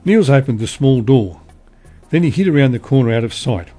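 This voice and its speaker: A man narrating a bedtime story in a calm, even reading voice. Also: mid-range voice, a little fast, no room sound, faint music behind.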